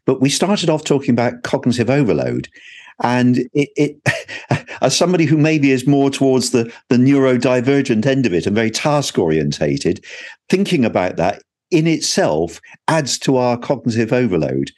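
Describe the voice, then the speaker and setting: A man's voice: mid-range voice, very animated, normal speed, darkish tone. A man from Britain co-hosting a wellbeing podcast, speaking hesitantly as he searches for his words. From United Kingdom. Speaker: podcast co-host. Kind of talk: casual podcast discussion.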